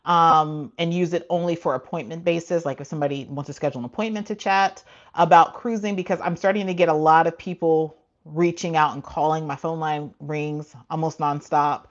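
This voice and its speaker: A woman's voice: deep voice, fairly even intonation, brisk, lo-fi sound. A woman running a casual live-stream Q&A as a cruise travel agent, talking frankly with many asides and frequent laughs.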